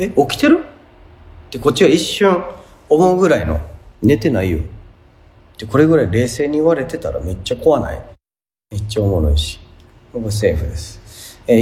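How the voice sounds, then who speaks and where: A man's voice: lowish voice, big pitch swings, fairly quick, darkish tone. A man with a Kansai accent hosting a radio show, reading listener letters and giving chatty, amused commentary. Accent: Kansai Japanese. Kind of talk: casual radio chat.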